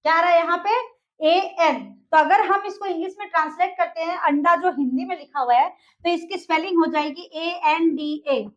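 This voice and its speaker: A woman's voice: very high voice, fairly bright tone, highs cut off. A woman teaching English, explaining step by step and asking the class questions she then answers herself.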